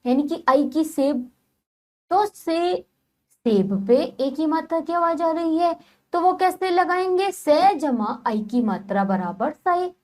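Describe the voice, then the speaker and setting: A woman teacher giving a children's phonics lesson, patient and repeating each step slowly. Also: high-pitched.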